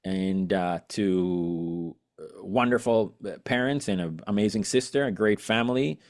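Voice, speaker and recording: Lower-voiced rambling man from Venezuela. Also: measured pace. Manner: enthusiastic, rambling with many fillers and restarts. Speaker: podcast guest, musician. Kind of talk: casual interview chat.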